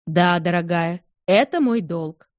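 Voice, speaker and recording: Woman reads steady husband, gently condescending, low, dry close audiobook sound. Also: slow, no echo. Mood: firm, patient. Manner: soothing, firm, gently condescending. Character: calm, firm husband, patient but unbending. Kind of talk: audiobook character voice.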